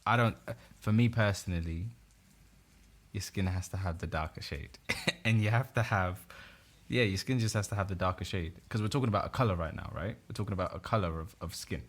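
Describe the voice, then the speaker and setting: A man's voice: sits low, a little fast. A young man co-hosting a podcast, arguing his point insistently in a casual debate. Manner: insistent, repeats no over and over. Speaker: podcast co-host.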